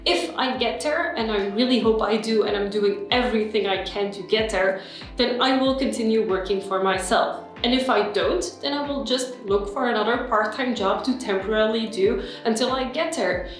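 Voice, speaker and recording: A Belgian YouTuber whose first language is Dutch talks to camera in a personal vlog. Her voice is on the high side, and the very echoey room carries faint music.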